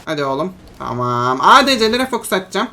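A young adult content creator giving chatty play-by-play commentary on a mobile game, talking to viewers as friends and bursting into yelps and shouts when a fight gets tense. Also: medium pitch, big pitch swings, a little fast, slight background noise. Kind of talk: live gameplay commentary.

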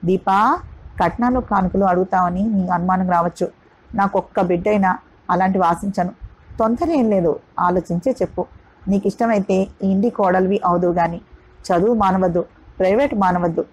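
A woman voicing a husky, coaxing mother figure. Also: medium pitch, normal speed, darkish tone, lightly acted, poor audio. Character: warm middle-aged mother proposing marriage.

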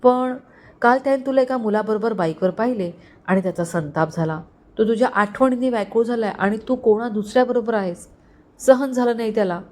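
A woman's voice: a little high, fairly quick, a little mellow, voice pushed up, natural voice. A woman voicing a kindly older male family servant who speaks tenderly and pleads with a fatherly tone. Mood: anxious.

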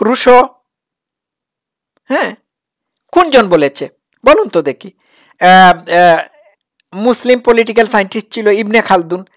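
Woman, slightly high voice, sarcastic reaction commentary, challenging. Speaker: critic reacting to a preacher's clip.

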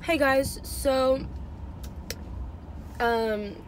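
A woman's voice: sits high, steady tone, extremely slow, noisy background. A young woman vlogging in a chatty, rambling way, full of "um" and "like". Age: young adult. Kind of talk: casual vlog chat.

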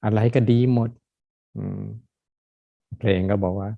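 A Buddhist monk giving a dharma talk in an unhurried, halting way with many fillers. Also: male voice, lowish voice, fairly even intonation, creaky. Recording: dull lo-fi sound.

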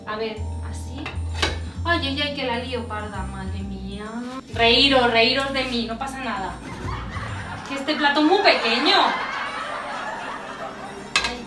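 A woman with a Spanish accent from Spain, chatting excitably to viewers while cooking in her kitchen. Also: fairly high pitch, a little slow, pauses often, far from the mic. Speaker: cooking vlogger. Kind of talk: casual cooking demonstration. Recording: echoey kitchen with music behind.

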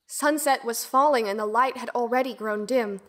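A slightly high, somewhat bright voice, lightly acted and at a moderate pace, belongs to a woman portraying an earnest, dutiful young girl. In this audio drama she formally narrates her own fairy tale in the first person, earnest and reflective.

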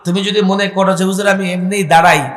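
A man's voice: high-pitched, steady tone, brisk, echoey room, big-room sound. A male preacher, giving a sermon to a gathering and calling out questions for the crowd to answer. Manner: calls out questions to the crowd and urges loud replies. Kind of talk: sermon at an outdoor religious gathering. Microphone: public address microphone.

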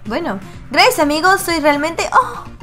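A woman's voice: very high voice, sing-song, unhurried, pushed and bright, faint music behind. A young woman, reading a dating game's lines aloud and chatting playfully about them. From Mexico. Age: 20s. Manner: playful, voices the characters, laughs often. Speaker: gaming YouTuber.

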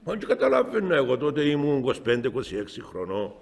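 A middle-aged bishop with a Cypriot Greek accent gives a spiritual talk in a chapel. His voice sits at an ordinary middle pitch and carries a long reverb off the walls. He tells stories, jumping from loud cries to quiet asides. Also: creaky. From Cyprus. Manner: storytelling, lively swings between loud exclamations and soft asides. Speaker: metropolitan bishop. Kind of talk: spiritual talk answering the faithful.

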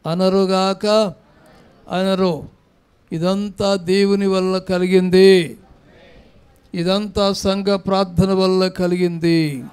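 A man's voice: high voice, little pitch movement, slow, long pauses, darkish tone, smooth. A man preaching a sermon as pastor, with an Andhra Telugu accent, urging the congregation to answer aloud into a microphone in a church. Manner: exhorting congregation to respond aloud.

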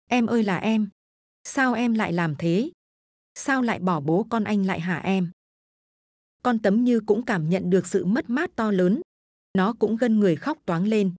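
Brief: female storyteller, steady ghost-story narration, warm low tone. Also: no echo, studio quality.

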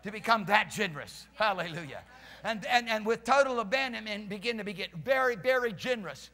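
A man's voice: sits high, lively intonation, brisk, sharp tone. A man in his fifties preaching an emphatic, fervent sermon to a live congregation, pacing the stage with a headset mic. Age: 50s. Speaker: pastor. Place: church hall stage with band gear, live congregation. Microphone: headset mic, preaching while pacing and gesturing. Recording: long reverb of a church hall.

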